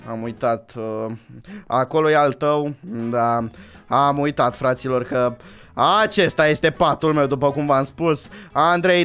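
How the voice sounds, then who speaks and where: A man hosting a Minecraft role-play video, talking in an excitable, jokey way and often yelling. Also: on the high side, smooth. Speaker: gaming channel host.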